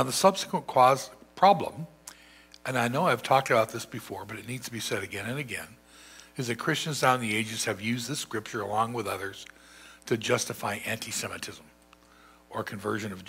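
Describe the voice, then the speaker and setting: An older man preaches from a church lectern, his voice bright and a little husky. He talks in a thoughtful, conversational way and often restarts his phrases. The sound is a lectern mic in a large sanctuary. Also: mid-range voice, lively intonation, fairly quick. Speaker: pastor. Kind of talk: sermon.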